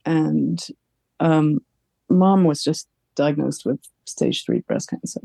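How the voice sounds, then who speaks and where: A woman talks through her feelings in a therapy session over a video call, halting and unsure, stopping often to find the right word. Her voice is soft and mellow. The sound is dry and close. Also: low-pitched, wildly swooping pitch, vocal fry, no echo. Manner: hesitant, halting, searching for words. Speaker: therapy client. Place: home.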